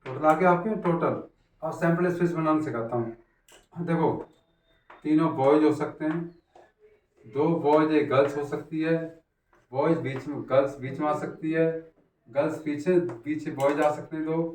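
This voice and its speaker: Echoey, higher-voiced male math teacher. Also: fairly even intonation, moderate pace, pauses often, darkish tone, slight background noise. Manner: repetitive, coaxing teacher talk, checking students follow. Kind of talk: classroom lesson. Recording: echoey room, voice from far off.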